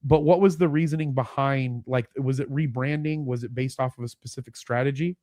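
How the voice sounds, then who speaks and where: A man's voice: medium pitch, fairly even intonation, brisk, darkish tone, dry recording, clean studio sound. A man hosting a podcast in a casual interview chat, rambling a little, laughing often and trailing off mid-thought. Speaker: podcast host.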